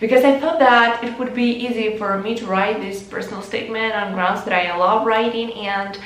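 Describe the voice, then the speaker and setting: A woman's voice: fairly high pitch, fairly even intonation, moderate pace, fairly bright tone. Young Ukrainian woman in an echoey room. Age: young adult. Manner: earnest, with frequent fillers and restarts. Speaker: vlogger. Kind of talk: casual vlog narration. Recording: echoey room with faint music.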